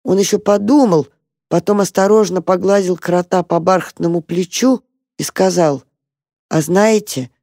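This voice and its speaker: A narrator reading a children's storybook softly and gently. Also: medium pitch, steady tone, normal speed, no echo, clean studio sound.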